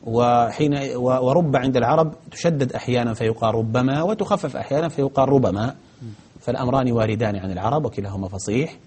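A man's voice: medium pitch, fast, hardly any pauses, a little mellow, breathy edge. A man teaching grammar on a broadcast lesson, answering viewer questions methodically, step by step, with frequent hesitations.

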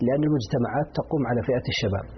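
Very fast-talking Saudi male educator. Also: mid-range voice. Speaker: guest educator, former school principal. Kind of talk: studio interview answers. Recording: dull lo-fi audio, faint noise.

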